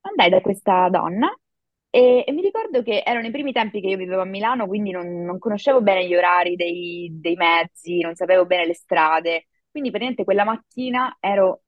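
A woman in her thirties, an actress and acting coach, telling a story in a lively podcast chat, full of fillers. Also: medium pitch, brisk, no room sound, muffled recording. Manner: animated storytelling with many fillers. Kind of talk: casual podcast conversation.

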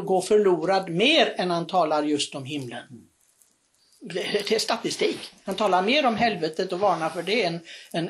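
Earnest, halting religious storyteller. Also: medium pitch. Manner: earnest, animated retelling with many restarts and hesitations.

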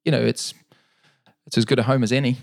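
A middle-aged man with a New Zealand accent, talking casually in an interview, relaxed and rambling with fillers and restarts. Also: medium pitch, quick pace, gravelly. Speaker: interviewee, para-cyclist.

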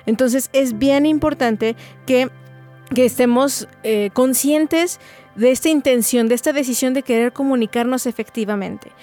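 A woman's voice: high-pitched, a little slow, mellow, faint music behind. A woman gives an earnest, explanatory faith-based teaching talk to her listeners, acting out short example phrases.

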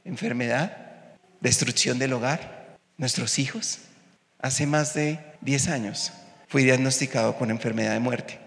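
A male pastor preaching a sermon with impassioned energy. He swings between loud calls to the congregation and hushed, intimate asides, and fires off strings of rhetorical questions. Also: mid-range voice, vocal fry. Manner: rapid-fire rhetorical questions. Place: church service before a congregation. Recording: long hall reverb.

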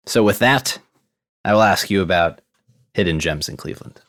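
A man's voice: sits low, normal speed, fairly bright tone, no echo, studio quality. A man hosting a podcast in a conversational interview style. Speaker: podcast host.

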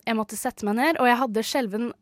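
A woman's voice: a little high, dry recording. A young woman from Norway telling an anecdote in casual chat, rambling with lots of fillers. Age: young adult.

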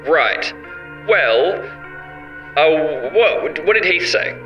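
A man's voice: fairly high pitch, animated, very slow, pushed and bright, dull audio, soft background music, exaggerated voice. A man playing a scatterbrained, prickly colleague of monster hunters in a tabletop game, rambling and distracted. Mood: confused.

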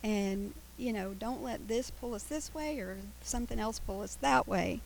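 A woman teacher delivers a Bible lesson in a voice full of vocal fry. Her s sounds whistle noticeably, and she works through each point haltingly, often repeating a word before moving on. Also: on the high side, slight background noise, rough recording.

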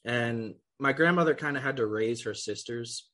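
A man hosting a casual sports podcast, talking in a relaxed, chatty way, swearing freely and laughing often. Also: mid-range voice, moderate pace. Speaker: podcast host.

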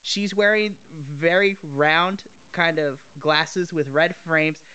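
A game master runs a tabletop role-playing session in a medium-pitched voice. The delivery is descriptive, moving between scene narration and explanations of the rules. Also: slow, sharp tone, clear, resonant tone, rough recording.

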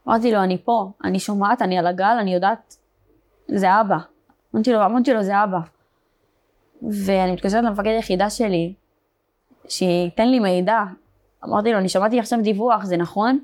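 A woman's voice: mid-range voice, fairly even intonation. Young israeli woman telling her story, lots of uh and restarts, ordinary mid voice. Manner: halting, with many fillers and restarts. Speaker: guest, border police fighter. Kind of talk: personal testimony in an interview.

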